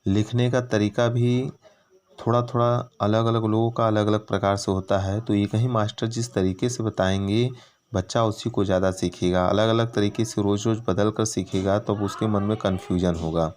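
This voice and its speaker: A man's voice: fairly low pitch, steady tone, normal speed, a little mellow. A man teaching young children in in a patient, explanatory way, stretching out each syllable as he demonstrates it. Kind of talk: children's lesson on Hindi vowel signs.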